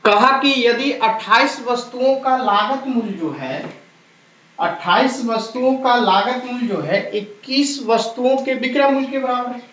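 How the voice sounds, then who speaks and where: A man's voice: very high-pitched, fairly bright tone. A male math teacher, talking through exam problems step by step and repeating the numbers aloud in an encouraging way. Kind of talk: exam-prep math lesson. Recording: very echoey, dull lo-fi room sound.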